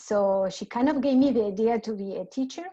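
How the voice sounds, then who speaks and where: A woman teacher from Argentina, a native Spanish speaker in her fifties, answering school interview questions with many fillers and pauses. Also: fairly high pitch. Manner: warm, thoughtful, with many fillers. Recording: slightly dull lo-fi sound.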